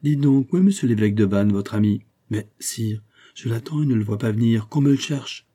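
A man's voice: mid-range voice, a little fast, warm tone, husky, lightly acted. A man reading aloud voices a proud, resolute young king who speaks in a firm, commanding way.

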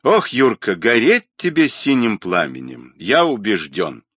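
A man's voice: fairly low pitch, wildly swooping pitch, measured pace, fairly bright tone, husky, no echo, full character voice. A man voicing a stern old colonel. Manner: stern, suspicious, scolding. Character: stern older male retired colonel.

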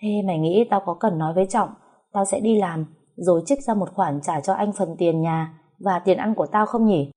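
Woman as stubborn young heroine in a storybook, insistent, warm voice. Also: mid-range voice, brisk, lightly acted.

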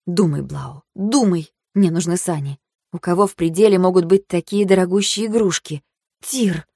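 A woman voicing a desperate, hot-tempered young sorceress who shouts and pleads. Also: on the low side, normal speed, slightly rough, dry recording, studio quality. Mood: anxious.

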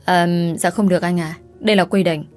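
A woman's voice: on the low side, fairly even intonation, fairly quick, darkish tone, soft background music, natural voice. A woman voicing a polite, hesitant hotel employee. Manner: hesitant, deferential.

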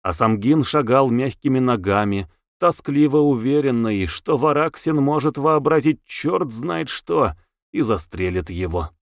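Expressive male audiobook narrator. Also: mid-range voice, unhurried, hardly any pauses, no room sound, clean studio sound. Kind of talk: scripted narration of a novel.

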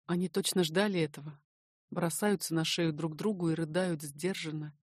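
A woman reading stage directions from a play, in a quiet, measured way. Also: low-pitched, fairly even intonation, no echo, studio quality. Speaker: narrator.

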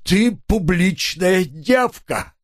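A man voicing a self-pitying, melodramatic husband who whines through his nose in a drawn-out, declaiming way. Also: mid-range voice, very animated, husky, heavily acted. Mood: whining. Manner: drawn-out nasal whining, declaiming in verse. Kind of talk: audiobook character voice.

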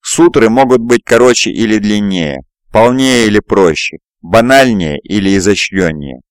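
Male narrator doing a hoarse, sly old priest, low and dry, audiobook. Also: moderate pace, no room sound, natural voice. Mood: calm, patient. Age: older.

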